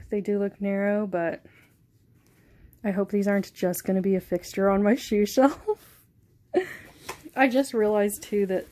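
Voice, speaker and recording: A young woman vlogging as she unboxes shoes, gushing and giggly, breathless with excitement. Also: medium pitch. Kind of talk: casual unboxing vlog.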